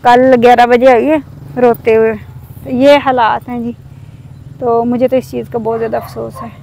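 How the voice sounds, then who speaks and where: High-voiced woman vlogging outdoors. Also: flat delivery, normal speed, creaky, dark tone, a little hiss or hum. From Pakistan. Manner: aggrieved and earnest. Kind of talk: casual vlog talk. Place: outdoors in a village.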